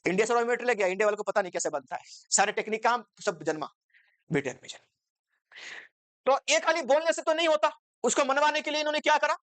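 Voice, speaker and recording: A woman's voice: a little high, fast, fairly bright tone, dry recording. A woman teaching an exam-focused commerce lecture, asking the class rhetorical questions and switching between Hindi and English terms.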